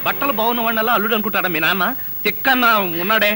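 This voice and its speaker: A sarcastic grumbling young husband. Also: male voice, sits high, rapid-fire, sharp tone, poor audio. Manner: sarcastic, complaining. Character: young husband made to pose as cook, grumbling. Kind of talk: film dialogue. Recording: film soundtrack with music underneath.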